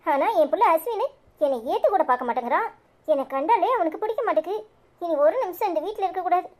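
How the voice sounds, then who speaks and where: A woman voicing a sad, rejected mother in a cartoon, speaking softly and near tears, with a Tirunelveli Tamil accent. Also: extremely high pitch, expressive, quick pace. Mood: sorrowful. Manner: soft, sorrowful, near tears.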